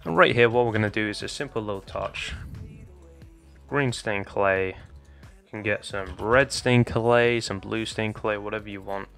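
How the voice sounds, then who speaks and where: A young Minecraft tutorial maker, his voice slightly hoarse and on its way out, chats casually through a build and calls his viewers "guys." His lowish voice stays steady and a bit bright at a moderate pace, with faint background music.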